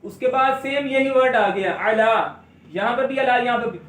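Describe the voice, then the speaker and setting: Speaking at an extremely high pitch, a man teaches step by step how to recite the Quran. He asks questions and answers them himself, demonstrating by drawing words out slowly, and the room sounds echoey.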